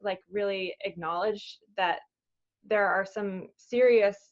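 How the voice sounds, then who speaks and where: A woman hosts an interview, keen and affirming as she asks her questions. Her voice sits at an ordinary pitch. The audio sounds dull and lo-fi, with the top end lost. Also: takes it slowly. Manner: affirming, steady "mm-hmm" responses, enthusiastic questions. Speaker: summit interview host. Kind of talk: casual interview conversation.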